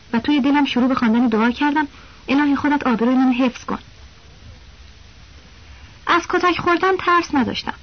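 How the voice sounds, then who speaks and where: A woman narrating a novel as an audiobook, telling it in a steady, plain first-person voice. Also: high voice, highs cut off.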